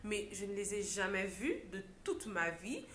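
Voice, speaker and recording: A young woman, a makeup artist, telling a story in a lively vlog style and acting out what others said. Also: medium pitch, unhurried. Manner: animated storytelling, acts out quotes. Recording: echoey room.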